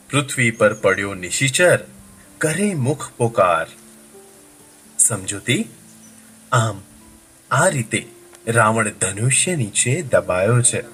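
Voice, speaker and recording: A male teacher reads out a poem line by line, chanting the verse and then explaining it calmly. His voice is husky and slow, with lively swings in pitch, and soft music plays underneath.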